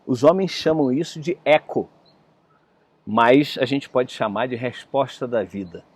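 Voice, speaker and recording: A man's voice: medium pitch, expressive, measured pace, breathy edge, no echo. A man voicing a worried, loving father, speaking earnestly and tenderly in a spoken story. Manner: earnest, caring. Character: worried, loving father searching for his son.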